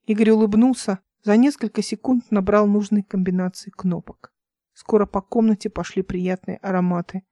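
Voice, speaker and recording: A woman narrating an audiobook in an even, measured way. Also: mid-range voice, dry recording.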